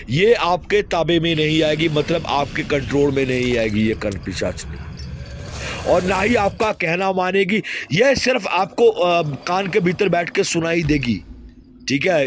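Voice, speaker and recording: A man explaining a ritual step by step, directive, and constantly filling pauses with a repeated "okay". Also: on the high side. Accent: Hindi. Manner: fills pauses with repeated "theek hai". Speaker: occult ritual instructor. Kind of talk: spoken ritual instructions.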